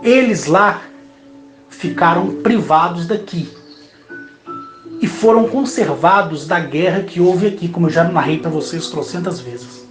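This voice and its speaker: A man's voice: on the high side, a little slow, reverberant, music in the background, low-quality recording. A man talking earnestly to his viewers in a rambling monologue, often checking in with little tag questions. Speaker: channel host speaking on spiritual and alien contact.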